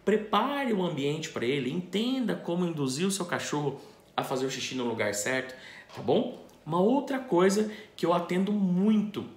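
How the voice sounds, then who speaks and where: Explaining puppy training to camera, this male dog trainer asks his own questions and then answers them. He speaks at a normal speed in a high-pitched, sing-song voice, in an echoey room.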